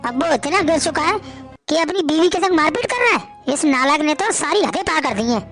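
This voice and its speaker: A woman's voice: high voice, animated, a little fast, a bit bright, soft background music. A woman voicing an older father-in-law who lectures firmly and protects his daughter-in-law. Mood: stern. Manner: firm and lecturing.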